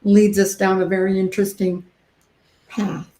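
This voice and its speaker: A woman's voice: medium pitch, flat delivery, normal speed, mellow. A woman, a guest astrologer on a video call, talking reflectively and sometimes losing her thread, her line echoing as if she were in a cave. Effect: cave-like echo on her line. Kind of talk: casual group chat on a video call. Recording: echoey video call audio.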